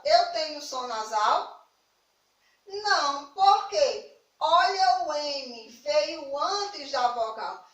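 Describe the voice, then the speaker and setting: Her voice is high-pitched with a fairly bright tone as this young woman from Brazil, a primary school teacher, patiently teaches children in a recorded lesson. She poses questions and supplies the answers herself, and the echoey recording places her slightly away from the microphone.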